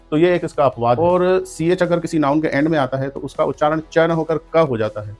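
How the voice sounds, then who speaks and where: A man's voice: a little high, darkish tone. A man teaching an English grammar lesson in Hindi, explaining rules step by step and spelling words out letter by letter. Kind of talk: classroom lesson.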